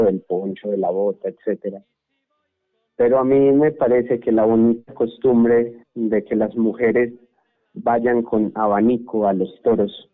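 A Colombian man with a Colombian Spanish accent, explaining his point in a measured way during a radio panel discussion. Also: mid-range voice. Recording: phone-like radio line.

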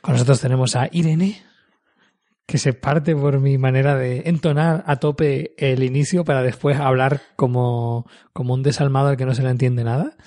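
A man's voice: mid-range voice, fairly even intonation, moderate pace, dark tone. A man hosting a casual podcast, chatty and self-mocking, who often restarts his sentences. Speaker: podcast host. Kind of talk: casual chat.

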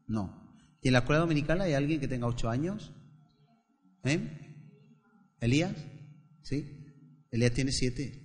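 A man's voice: medium pitch, lively intonation, unhurried, pauses often. A male pastor, praying and preaching a sermon, who stumbles over repeated words and builds to emphatic passages. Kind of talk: sermon with opening prayer. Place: church hall. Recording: long church-hall reverb.

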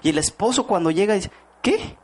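Male speaker, motivational seminar style, a bit high-pitched, keeps asking the room questions. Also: moderate pace. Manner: rhetorical questions to the audience, acts out quoted voices. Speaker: network marketing speaker. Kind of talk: motivational talk to a live audience.

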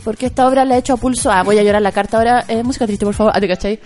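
A Chilean woman chats loosely and jokes in slang on a radio show. Her voice sits fairly high. Faint music runs underneath. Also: steady tone, racing, darkish tone. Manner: chatty, jokey, slangy. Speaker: co-host, actress promoting her play. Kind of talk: casual radio chat.

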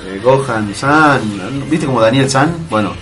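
A man's voice: mid-range voice, animated, a little slow, over music. A young Argentine man hosting a radio talk show, bantering casually and putting on mock voices between stories. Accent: Argentine Spanish. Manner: jokey, puts on mock accents.

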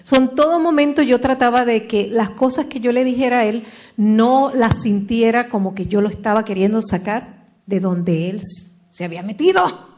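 A woman's voice: on the high side, moderate pace, a little mellow, a little hiss or hum. A middle-aged woman giving a personal testimony talk, telling her story with feeling and re-enacting her own past words.

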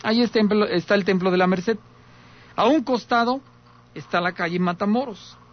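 High-voiced man telling a ghost story. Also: normal speed, dull audio. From Aguascalientes, Mexico. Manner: dramatic storyteller, repeats key points, speaks to listeners directly. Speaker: radio host taking calls. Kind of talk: telling a paranormal story on radio.

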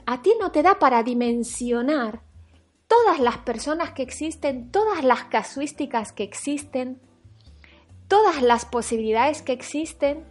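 A woman from France giving a reflective recorded talk as a spiritual teacher, animated, acting out her inner voices and checking in with the listener. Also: high voice.

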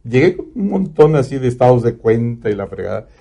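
Man, Mexican accent, radio announcer, animated storyteller, dark mellow voice. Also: medium pitch, a little fast, vocal fry, husky. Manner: animated, swears casually, acts out quotes. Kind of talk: casual storytelling in an interview.

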